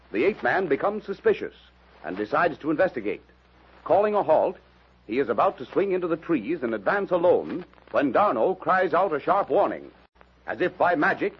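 A man's voice: on the high side, sing-song, normal speed, slightly rough. A man giving formal, dramatic scripted narration in the style of a 1930s radio serial. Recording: dull, noisy old radio recording.

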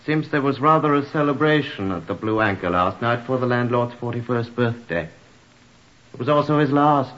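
In an old-time radio drama, an actor plays a flippant, talkative man who relishes macabre humour and speaks in wordy, mock-literary phrases. His voice is medium-pitched, fairly bright and close to everyday speech at a normal speed, on a dull, muffled vintage recording.

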